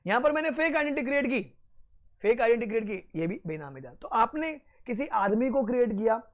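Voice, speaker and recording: A young man with a very high-pitched voice and an Indian accent gives an animated law lecture mixing Hindi and English. He slows down to dictate notes, then rushes through asides.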